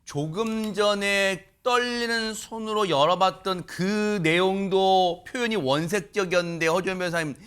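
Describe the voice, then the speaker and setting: A man hosting a studio talk show, reacting with lively exclamations and prompting his panel. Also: sits high, moderate pace, few pauses, clear, resonant tone. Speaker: news talk show host.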